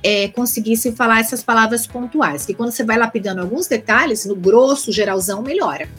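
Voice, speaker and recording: A woman's voice: fairly high pitch, a little fast, a bit bright, faint music behind. A woman with a Brazilian Portuguese accent, a conference interpreter chatting casually as an interview guest, rambling through lists and restarts.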